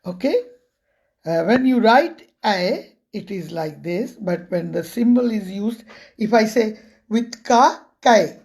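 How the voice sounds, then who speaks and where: A woman's voice: a little high, a little mellow. A woman teaching Hindi letters to children, saying each sound again and again and explaining in English and Hindi. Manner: slow, repeats each sound, switches between Hindi and English. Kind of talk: slow, patient language lesson.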